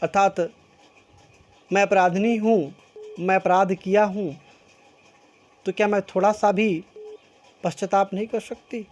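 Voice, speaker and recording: A woman teacher explaining a poem line by line, slowly rephrasing each point several times. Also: mid-range voice, steady tone, a little mellow. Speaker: school teacher.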